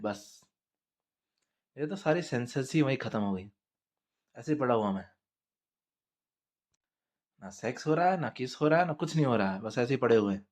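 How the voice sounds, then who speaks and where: A man from India tells crude comic stories in a blunt, conversational monologue. His language is profane and his voice sits at an ordinary middle pitch. The delivery is plain and unpolished. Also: a little mellow. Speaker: storyteller.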